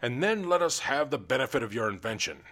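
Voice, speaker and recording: A man's voice: sing-song, a little fast, a bit bright. A man voicing a blustering, cruel fat king who mocks and bullies his jester. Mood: jovial commanding. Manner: booming, mocking, bullying.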